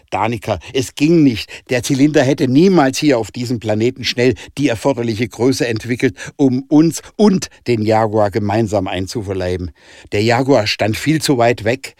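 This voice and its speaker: A man voicing an impulsive young male adventurer, talking fast and defensively. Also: mid-range voice, dry recording, studio quality, close to an everyday voice. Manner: defensive, excitable.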